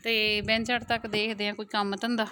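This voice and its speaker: Young woman, Punjabi accent, chatty homemaker vlogger, medium pitch, casual and repetitive, clearly noisy recording with clicks. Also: little pitch movement, moderate pace. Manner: chatty, repeats herself with tag questions. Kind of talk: casual home vlog chat.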